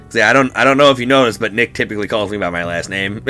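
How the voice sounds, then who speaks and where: A man's voice: on the low side, fast, pushed and bright, faint music behind. A man giving casual gameplay commentary as host, crude and joking, with emphatic swearing. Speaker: host of a game playthrough.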